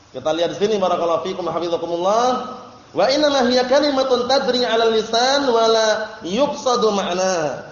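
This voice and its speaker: A man's voice: sits high, roomy sound, big-room sound, lo-fi sound. A man giving a religious study lecture, explaining terms patiently and checking that his listeners follow. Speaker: religious teacher.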